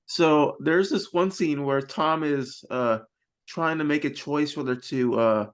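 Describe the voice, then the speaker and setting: A man's voice: fairly high pitch, smooth. Man hosting a casual podcast chat. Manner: friendly, hesitant with filler pauses. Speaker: podcast host.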